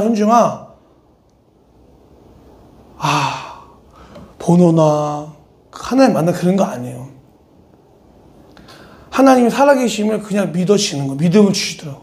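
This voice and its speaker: A male pastor preaching an animated, conversational sermon at a church service, switching between polite address and blunt casual talk and speaking straight to his listeners. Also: high-pitched, normal speed, long pauses.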